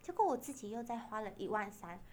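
A woman's voice: medium pitch, fast talker. A young woman with a Taiwanese Mandarin accent telling a travel story as a podcast host, acting out the voices of the people in it. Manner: animated storyteller, acts out quoted voices, laughs and cries while telling. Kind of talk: casual storytelling chat.

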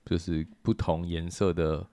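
Deep, gravelly man joking deadpan. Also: a little slow. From Taiwan. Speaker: podcast co-host. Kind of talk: casual chat.

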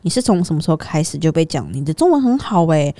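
A woman with a slightly low, very lively voice and a Taiwanese Mandarin accent. She hosts in a casual, conversational way, repeating phrases for emphasis. The sound is close and dry. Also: fast talker, no echo. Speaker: podcast host.

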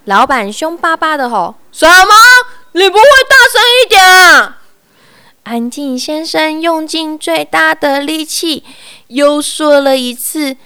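A woman reading a children's story aloud in an expressive, sing-song way. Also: sits high, dry recording.

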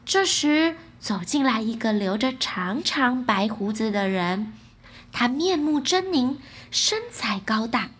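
A woman narrating a children's bedtime fairy tale in a lively, expressive way. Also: a little high, takes it slowly, husky. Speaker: storyteller.

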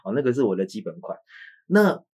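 A man's voice: mid-range voice, sing-song, brisk, a little mellow, husky. A man hosting a casual chat as an English teacher, chatty and laughing often, speaking straight to parents. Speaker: podcast host and English teacher.

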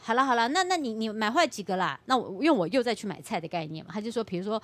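A woman in casual conversation. She talks very fast, and her pitch swings widely as she tells her stories. She acts out the quoted lines of the people in them. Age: late 30s. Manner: animated storyteller, acts out quoted dialogue. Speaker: podcast co-host. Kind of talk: casual chat.

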